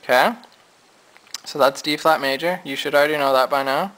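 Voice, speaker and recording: Male piano teacher, loose and conversational, bright tone, faint piano behind him. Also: fairly high pitch, fairly quick, rough recording. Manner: loose and chatty, explaining at the keyboard. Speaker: music teacher. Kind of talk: casual piano lesson. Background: piano notes.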